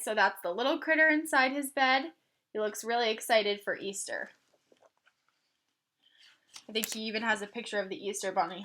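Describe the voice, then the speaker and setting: A woman reads a picture book aloud to children, pausing like a teacher to give simple explanations and ask the listeners questions. Her voice is on the high side, pushed and bright.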